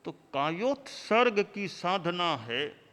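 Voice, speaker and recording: Slow-speaking man preaching in a reverberant hall. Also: high voice, sing-song, fairly bright tone. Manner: measured, rhythmic lists of short phrases. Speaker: spiritual teacher. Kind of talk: sermon.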